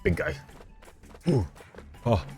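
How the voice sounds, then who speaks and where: A man's voice: slow pace, darkish tone, faint music behind. A man streaming a game, rambling and mocking himself in casual chat at a desk mic. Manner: self-mocking, rambling, jokey.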